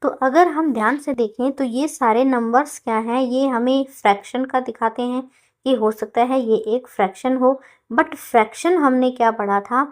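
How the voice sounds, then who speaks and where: Woman teaching maths, questions and answers. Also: high voice. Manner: explains step by step with rhetorical questions, mixing in English terms; slow, drawn-out dictation of definitions word by word. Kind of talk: classroom lesson explanation.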